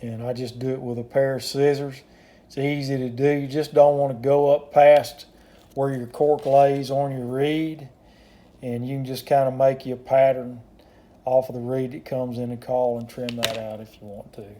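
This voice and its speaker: A man with a deeply mellow, relaxed voice walks through a handmade product in a casual demonstration. His intonation stays quite flat and his pitch sits in an average male range. He explains things plainly, with a folksy, unhurried manner. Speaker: duck call maker demonstrating his product.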